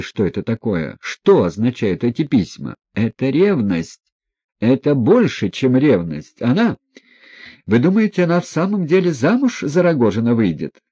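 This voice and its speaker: A man reading an audiobook, voicing a proud, passionate young woman who presses with rapid, agitated questions. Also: medium pitch, mellow, husky, dry recording, full character voice. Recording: dry, dull close recording.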